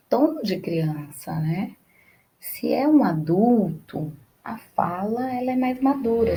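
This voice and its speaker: A woman's voice: medium pitch, dark tone, poor audio. A woman teacher explaining class activities step by step, often checking in with "tá bom?" and "né?". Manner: explains step by step, repeating phrases. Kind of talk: remote class lesson.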